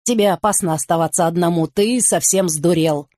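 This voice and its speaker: A woman's voice: on the low side, a little fast, warm tone, dry recording, lightly acted. Woman reading a dry, weary sensible man. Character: dry, impatient level-headed man, a doctor.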